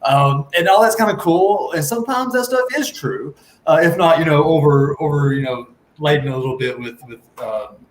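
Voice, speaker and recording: A man's voice: fairly high pitch, moderate pace. A man telling a company's story casually, as its representative. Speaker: distillery representative. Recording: roomy echo, background noise.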